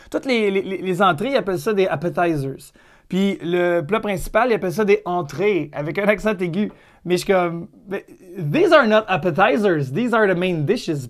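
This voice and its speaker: A man with a Quebec French accent and a high-sitting voice hosts a comedic podcast. He's chatty and irreverent, swearing casually, with lots of fillers and restarts.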